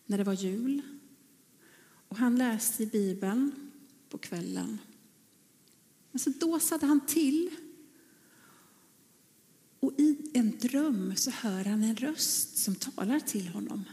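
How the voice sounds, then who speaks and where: A woman preacher telling a story in a sermon, gentle and often dropping to a whisper. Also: on the high side. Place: church. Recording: long church reverb.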